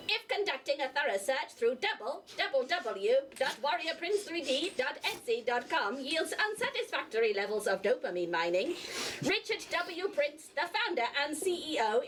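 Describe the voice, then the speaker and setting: A woman's voice: on the high side, slight background noise. A woman putting on a robot voice as a robotic host reading a comic advert, with a stiff announcer cadence and computer status phrases. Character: robotic male-less unit host reading an ad. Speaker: player reading a sponsor advert.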